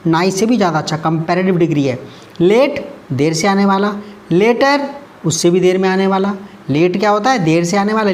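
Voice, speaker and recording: Man explaining, quizzing himself, repeating words. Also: high voice. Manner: repeats words, asks and answers own questions. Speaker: English grammar teacher. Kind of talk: explaining grammar lesson.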